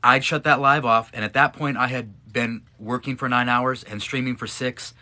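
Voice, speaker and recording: A man with a bright, forward voice, talking casually as a live streamer about an awards trip. He keeps getting choked up and tearful, starting sentences over and over as he works through his feelings. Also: mid-range voice, steady tone, moderate pace. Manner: emotional, choking up at times, chatty with restarts. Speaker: live streamer, one of a couple. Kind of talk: casual chat answering follower questions.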